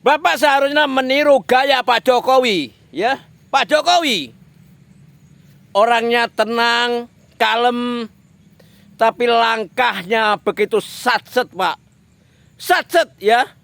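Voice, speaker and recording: A man with a very high, gravelly, slightly bright voice delivers a political commentary monologue slowly, leaving long pauses. He speaks directly to a politician, repeating phrases for emphasis, and the recording has no echo.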